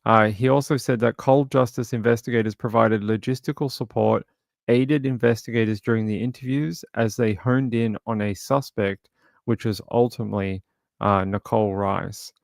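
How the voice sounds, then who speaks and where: With a low, gravelly, crackly voice, a man livestreams casual commentary on a true crime case, reading chat as he goes. He speaks haltingly with many uhs and restarts in a fairly even tone, and the recording is close and dry with no room sound.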